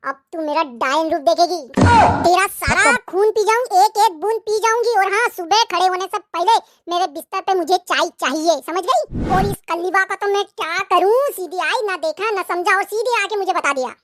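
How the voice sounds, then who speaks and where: A woman's voice: extremely high pitch, moderate pace, fairly bright tone, a little hiss or hum. A woman voicing a bossy, nagging mother-in-law in a cartoon, scolding and threatening.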